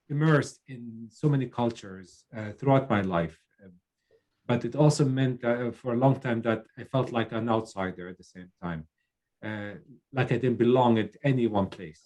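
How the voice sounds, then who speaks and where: A middle-aged Lebanese program manager opens a webinar over a video call from a child's bedroom. He speaks haltingly, with many fillers and restarts, in a medium-pitched voice with a darkish tone.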